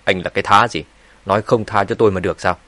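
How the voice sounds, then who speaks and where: A man voicing a cool young hero who mocks his enemies in a flat, dry delivery. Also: fairly low pitch, fast talker, no room sound. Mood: mocking.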